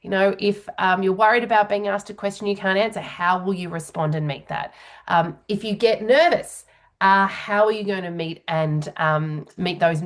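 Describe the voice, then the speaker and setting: A woman working as a public speaking coach, explaining conversationally with frequent ums and mid-sentence pauses. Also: mid-range voice. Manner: hesitant, filler-heavy, pausing mid-sentence as she explains.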